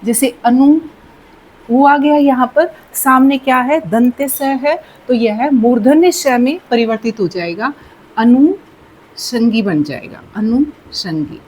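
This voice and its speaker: A woman with a high, slightly mellow voice teaches Hindi grammar a little slowly in a patient classroom style, repeating key words and checking in often. Her explanation is slow and deliberate. The audio is poor, with a little hiss or hum.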